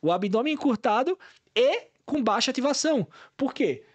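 A man's voice: very high-pitched, expressive, moderate pace. A man, a guest on a podcast, explaining physiotherapy in technical, step-by-step talk.

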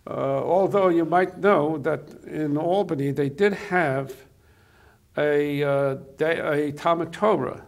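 A fairly high-pitched older man with vocal fry speaks at a measured pace into a lapel mic on a TV studio set. Originally from Poland with Yiddish as his first language, he reminisces as an interview guest, hesitating with many fillers and restarts.

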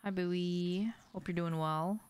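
In a small room at home, a young woman livestreams a game, addressing viewers casually, swearing and reacting as she plays. Her fairly low voice is clear, resonant and a little mellow, with fairly even intonation and a slightly slow pace, captured without echo.

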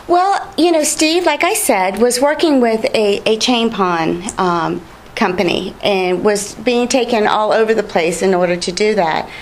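A woman's voice: medium pitch, measured pace, a little hiss or hum, low-quality recording. A woman business owner being interviewed on TV, telling her story in a friendly, chatty way with fillers. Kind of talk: casual TV interview.

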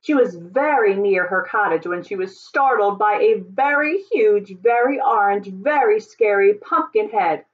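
A middle-aged woman reading a storybook aloud to children, with dramatic emphasis and deliberate pauses. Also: mid-range voice, lo-fi sound. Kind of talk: expressive picture-book read-aloud. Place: home office, indoors.

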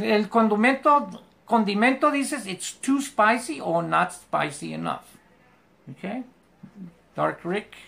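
An English teacher, giving a live online class from a home bedroom and patiently repeating English examples slowly and carefully. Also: medium pitch, vocal fry, a bit bright.

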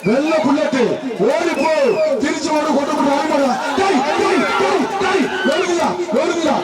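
A man with a very high, keyed-up voice barks out announcements through a loudspeaker, heard echoing from far across an open arena. A roaring crowd and heavy noise surge behind him as he calls out bulls and warns the tamers. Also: moderate pace. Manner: excitable, calling out bull names and warnings to tamers. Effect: through a loudspeaker system. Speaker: bull-taming event announcer. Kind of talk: live event commentary over a loudspeaker. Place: outdoor festival arena. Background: loud cheering crowd and noise.

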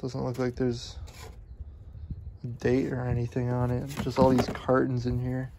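Man, explorer vlogger, flat steady delivery, faint room noise, phone mic. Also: a little slow. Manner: curious, low-key, muttering asides. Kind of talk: handheld exploration commentary. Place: abandoned farmhouse and yard, indoors and out. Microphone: handheld phone camera.

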